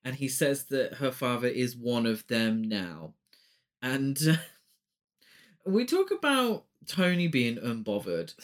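Guy with a mid-pitched voice recapping a movie, chatty, cheeky camp asides. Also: sing-song, slow pace. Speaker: podcast host. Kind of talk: casual film-plot recap with banter.

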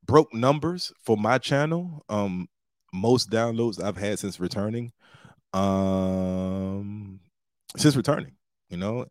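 A man's voice: sits low, darkish tone, no room sound, studio quality. A man in his forties hosting a podcast alone, talking casually and with slang, like he is handing out advice. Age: 40s. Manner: slangy, big-brother advice-giving tone. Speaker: podcast host and stand-up comedian. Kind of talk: casual solo podcast monologue.

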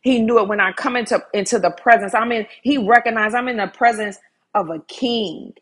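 A woman's voice: fairly high pitch, fairly quick, fairly bright tone, husky. A woman preaching a sermon in an earnest way, repeating key phrases for emphasis.

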